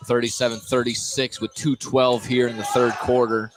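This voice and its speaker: A play-by-play announcer calls a basketball game live on radio from inside a gymnasium, his medium-pitched voice flat and moderately paced. The noisy gym broadcast carries game noise and a bouncing ball.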